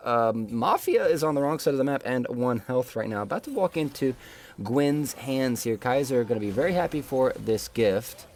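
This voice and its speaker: Excitable male esports play-by-play caster. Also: mid-range voice. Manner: rapid play-by-play, jokey banter, rises excitedly in big moments. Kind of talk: live game commentary.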